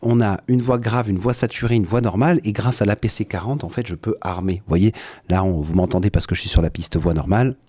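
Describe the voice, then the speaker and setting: A man with a French accent giving a relaxed, hesitant live-stream tutorial on his music setup from his home studio. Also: fairly low pitch, quick pace. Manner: explanatory, with frequent hesitations and "hop" interjections.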